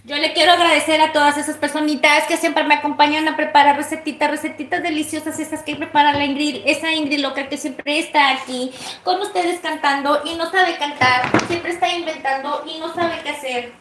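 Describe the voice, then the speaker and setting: A woman's voice: high-pitched, fairly even intonation, fairly quick, a bit bright. Chatty woman in an echoey kitchen. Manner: playful, gossipy, talks straight to viewers. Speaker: cooking vlogger. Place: home kitchen. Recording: echoey kitchen, faint noise.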